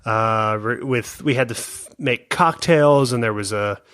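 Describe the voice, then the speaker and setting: A man's voice: mid-range voice, measured pace, fairly bright tone, no echo, studio quality. A man co-hosting a movie review podcast, chatting casually and joking, with lots of restarts. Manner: rambling, jokey, full of restarts. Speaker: podcast co-host.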